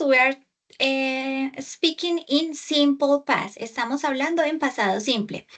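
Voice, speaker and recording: A woman tutoring English over a video call, explaining patiently and stretching out English words slowly. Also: high-pitched, a bit bright. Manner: patient, slow and exaggerated English pronunciation, explaining in Spanish. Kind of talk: online tutoring session.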